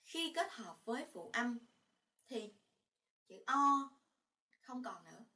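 A woman teacher speaking slowly and deliberately, with a bright, somewhat high voice. She explains each point carefully, then calls out each vowel sound loudly again and again. Her voice sounds a little distant from the mic. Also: sing-song. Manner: drills pronunciation, repeating each sound loudly. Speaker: Korean language teacher. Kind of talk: slow, clear lesson narration.

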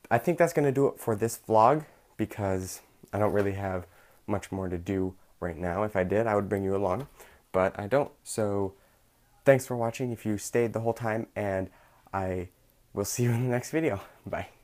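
A man's voice: fairly low pitch, moderate pace, a little mellow. A young man chatting upbeat in a casual vlog from a small bedroom, with lots of ums. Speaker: vlogger.

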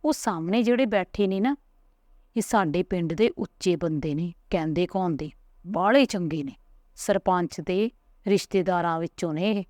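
A woman voicing a chatty, pushy elderly village grandmother who coaxes and talks without pause. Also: lowish voice, darkish tone, no room sound, clean studio sound, lightly acted. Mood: coaxing. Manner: talks on and on, coaxing.

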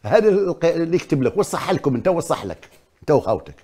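A man's voice: on the high side, big pitch swings, quick pace, dark tone. An older man with an Algerian accent hosting a studio talk show, asking insistent, probing questions and often repeating them.

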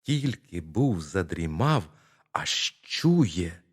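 A man narrating a bedtime fairy tale in a slow, expressive storytelling manner. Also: sits low, husky.

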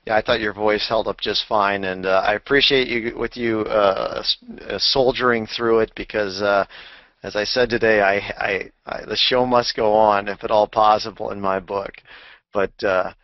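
Male webinar host, lowish voice, grateful and casual, dull dry audio. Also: steady tone, normal speed, no echo. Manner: friendly, thanking, with fillers. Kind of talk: closing remarks of a webinar.

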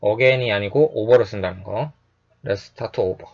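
A man teaching English phrases in a calm, explanatory lecture, repeating each phrase slowly and often adding a short "yes". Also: fairly low pitch, vocal fry, muffled recording.

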